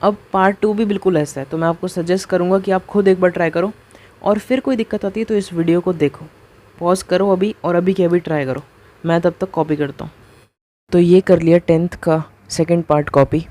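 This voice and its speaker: A man giving a casual math lecture, talking through each step as he writes and keeps asking the viewer quick rhetorical questions. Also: high-pitched, fairly even intonation, mellow. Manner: talks through each step while writing. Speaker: math teacher.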